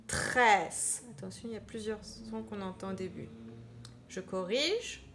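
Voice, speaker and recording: Slow, deliberate woman teacher. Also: medium pitch, a bit bright, a little hiss or hum. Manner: slow, deliberate, spells out words and repeats them. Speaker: primary school teacher. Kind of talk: slow dictation lesson for children.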